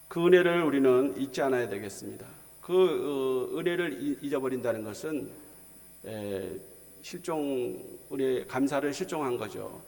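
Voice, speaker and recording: A male pastor delivering a sermon, slow and measured, with frequent filler sounds between phrases. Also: mid-range voice, creaky, long reverb tail. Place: church sanctuary.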